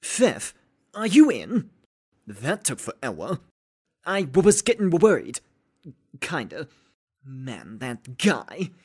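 An anxious young figure stammers and apologizes sheepishly, as an actor acts it out. The voice is husky and slow, and it rises and falls a lot. It swears when it is upset. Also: mid-range voice, wildly swooping pitch, a little mellow, full character voice.

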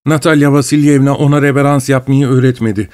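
A man voicing an excitable, fawning middle-aged husband who talks with ingratiating emotion, in an audiobook. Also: medium pitch, quick pace, pitched above the performer's own voice, natural voice. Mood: excited, fawning.

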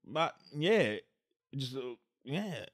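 A man's voice: medium pitch, sing-song, drawn-out words, fairly bright tone, breathy edge, no room sound, clean studio sound. A man co-hosting a podcast, joking and sceptical in casual banter. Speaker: podcast co-host. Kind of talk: casual chat.

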